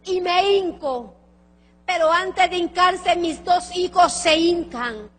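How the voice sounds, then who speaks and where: Fervent high-voiced woman preacher. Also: slow, a bit bright. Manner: fervent, emotional storytelling. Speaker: preacher giving a testimony. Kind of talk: sermon testimony. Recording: long reverb of a large hall.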